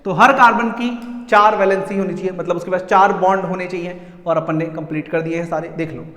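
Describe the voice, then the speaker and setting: A man's voice: high voice, steady tone, brisk, sharp tone. A man teaching chemistry to school students, talking them through each step and counting atoms aloud. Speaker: science teacher. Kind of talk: explaining chemistry at a whiteboard. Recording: echoey room, long reverb.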